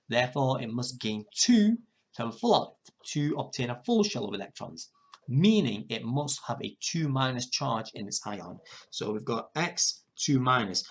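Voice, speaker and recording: A man with a slightly husky voice teaches chemistry, working through exam answers one step at a time. He talks in a methodical way and often stops to fix his own wording. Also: medium pitch. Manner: methodical, self-correcting explanations. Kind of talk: exam question walkthrough.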